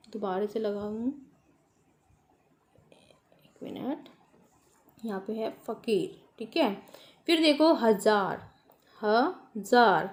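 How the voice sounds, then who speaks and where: A woman teaching a children's worksheet lesson, asking and answering her own questions and spelling out words with careful pronunciation. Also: on the high side. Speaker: primary school teacher.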